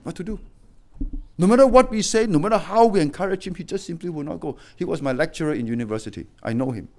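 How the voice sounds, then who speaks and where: A middle-aged male pastor delivering a sermon in a fairly high voice. He preaches emphatically, rising into loud, urgent appeals and then dropping to quiet, grave warnings. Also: animated, fast.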